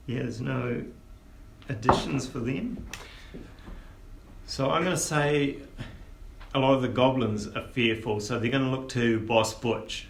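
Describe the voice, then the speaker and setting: A man narrating as game master of a tabletop game, relaxed and rambling with many fillers. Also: mid-range voice, vocal fry. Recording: echoey room with faint hiss.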